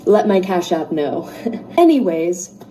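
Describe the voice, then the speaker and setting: A woman's voice: on the low side, big pitch swings, takes it slowly, dark tone. A woman giving a sarcastic, pointed monologue in a social media clip. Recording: distant with faint background noise.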